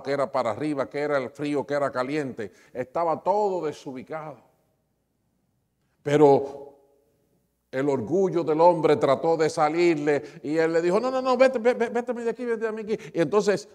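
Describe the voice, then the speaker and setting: A man's voice: medium pitch, darkish tone. A man preaching a sermon, retelling a story with quoted dialogue. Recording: long reverb of a church hall.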